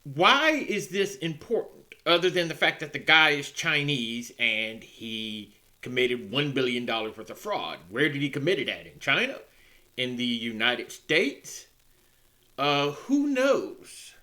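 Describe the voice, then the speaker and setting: A man hosting a casual news commentary show, musing wryly over odd stories and often clearing his throat. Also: medium pitch, sing-song, a little slow, pushed and bright.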